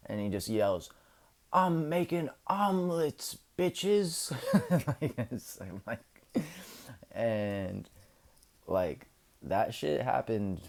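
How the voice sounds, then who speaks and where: Gravelly low-voiced man, rambling story. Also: darkish tone. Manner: rambling, full of filler words and restarts. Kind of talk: casual storytelling vlog. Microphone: camera's built-in microphone.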